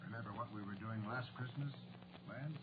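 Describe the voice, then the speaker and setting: An actor playing an earnest, sociable American army lieutenant in a 1940s radio drama. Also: male voice, medium pitch, brisk, natural voice. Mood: warm, reflective. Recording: very noisy, dull old radio recording.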